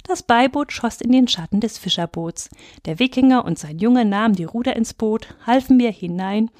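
A woman reading a first-person story aloud in calm, measured narration. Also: fairly high pitch, no room sound, studio quality. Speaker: audiobook narrator. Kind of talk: scripted narration.

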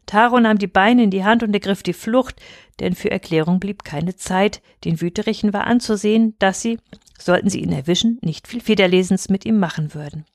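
A woman reading a folk tale aloud in even, clear storytelling narration. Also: medium pitch, brisk, no echo, clean studio sound. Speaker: reader.

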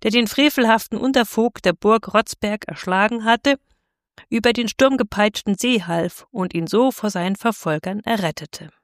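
A woman narrating a storybook in a steady, expressive reading voice. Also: mid-range voice, normal speed, dry recording, studio quality.

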